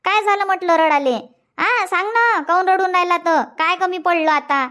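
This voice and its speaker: A nagging old village grandmother from a cartoon comedy, voiced by an actor, with an extremely high, squeaky voice and a Vidarbha Marathi accent. She fires the same question again and again, chiding and coaxing. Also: moderate pace, sharp tone. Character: fussy nagging village grandmother, scolds and coaxes.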